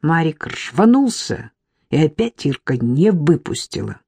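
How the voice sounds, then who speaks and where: Brief: woman narrator, lowish pitch, calm audiobook reading. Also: a little slow, creaky, slightly rough, no room sound.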